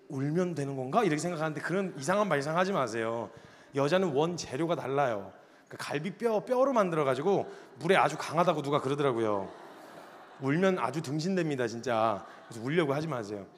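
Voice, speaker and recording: Fast-talking man preaching with humor. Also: on the high side, long reverb tail, a little hiss or hum. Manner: animated, acts out quoted arguments. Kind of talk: humorous sermon storytelling.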